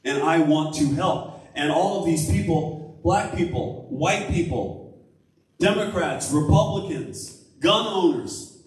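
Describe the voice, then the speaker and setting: A man preaching a sermon as minister, earnest and impassioned, moving into a quiet prayer. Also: on the high side, expressive, slow. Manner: earnest, building to an impassioned call, then a soft prayer. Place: church sanctuary. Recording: very echoey room, voice from a distance.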